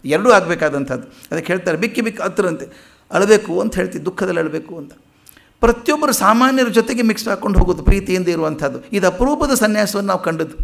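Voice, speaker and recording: Man, kannada accent, public lecture, gravelly, slightly high voice, acts out quotes. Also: quick pace. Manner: animated storyteller, acts out quoted speech. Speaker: public speaker. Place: lecture hall.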